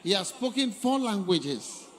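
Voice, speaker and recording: Bright, lively-pitched male preacher. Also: a faint crowd. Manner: short phrases paused for translation. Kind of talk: sermon with interpreter.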